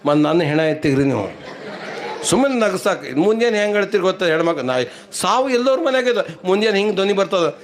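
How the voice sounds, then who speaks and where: A man's voice: sits high, expressive, a little fast. A man with a North Karnataka Kannada accent doing rhyming folk stand-up comedy, telling stories and teasing his audience at a religious gathering. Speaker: comedian and mimicry artist.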